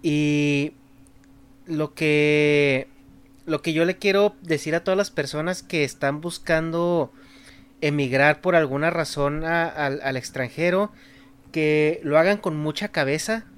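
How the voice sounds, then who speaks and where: Guy on a podcast, smooth clear voice, kinda high, thoughtful explaining. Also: slow. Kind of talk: casual chat.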